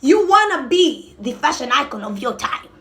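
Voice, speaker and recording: A young adult woman chatting casually to camera as a mukbang vlogger, emphatic and animated, often breaking off mid-thought. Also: sits high, normal speed.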